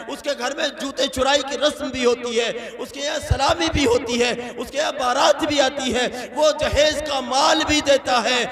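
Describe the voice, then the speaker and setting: A man with a North Indian Urdu-Hindustani accent delivers an impassioned sermon, his voice very high and gravelly. He teases the crowd with mocking questions and swings from hushed asides to shouts. The stage mic echoes through a roomy hall with a long tail. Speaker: Islamic preacher. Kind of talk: impassioned sermon at a public gathering.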